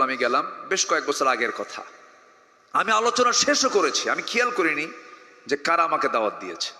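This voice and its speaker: A man preaching a sermon to a large gathering, joking and urging the crowd to answer louder. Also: a little high, reverberant, in a large hall. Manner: animated, jokes and calls on the audience to answer louder. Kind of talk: Bengali waz sermon to a crowd.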